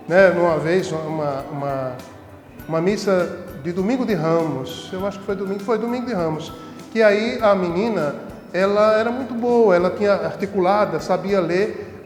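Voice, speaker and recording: A man's voice: high voice, a little mellow. A priest telling funny stories from his ministry in a casual way, laughing easily. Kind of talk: casual storytelling. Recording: echoey room with long reverb.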